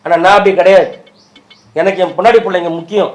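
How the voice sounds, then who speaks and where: A man's voice: high voice, steady tone, fast. A man who is crying as he pleads with his wife and tries to reassure her. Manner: tearful, pleading and consoling. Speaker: husband in a staged prank video. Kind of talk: emotional scripted couple conversation.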